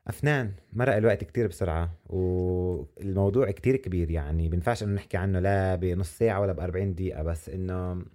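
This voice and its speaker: A woman hosting an interview, asking brief, gentle follow-up questions. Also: extremely low pitch, fast. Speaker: interview host. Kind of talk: conversational interview.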